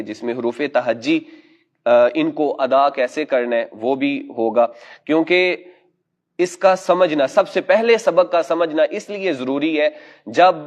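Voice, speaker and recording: A man with a rather high voice teaches recitation in a patient classroom manner. He sounds each letter out slowly for students to repeat. The recording is dull and lo-fi. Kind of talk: classroom instruction.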